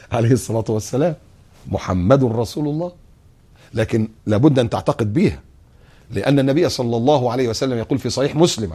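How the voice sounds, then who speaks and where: An Egyptian man preaching on a TV religious show, talking quickly and with lots of animation. He acts out little exchanges between characters and drawls certain phrases for emphasis. His voice sits at an ordinary middle pitch. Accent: Egyptian Arabic. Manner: animated, acts out dialogues and chants phrases slowly. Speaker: Islamic preacher. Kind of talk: televised religious lesson.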